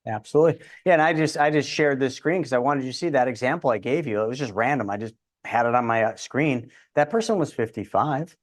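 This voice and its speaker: An insurance advisor appears as a guest in a casual interview, speaking in a mid-range voice. He explains things confidently and quickly, with some restarts.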